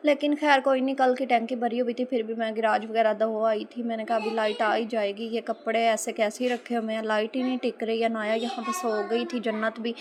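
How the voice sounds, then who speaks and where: A Pakistani woman with a Pakistani Urdu accent narrates her housewife vlog as a voice-over, speaking a little fast in a fairly high, flat voice with hardly any pauses. Her chatty, storytelling style is full of filler particles. She's in a room at home with no fan running, and children can be heard playing and shouting in the noisy background.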